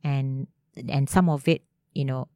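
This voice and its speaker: Malaysian female interviewee, Manglish with Malay particles, informal, dark warm tone, dry sound. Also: very deep voice, fairly even intonation, unhurried, dry recording. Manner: Manglish, mixing Malay words and particles into English; informal, frequent "you know". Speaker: interview guest, head of a startup agency. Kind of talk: conversational interview answers.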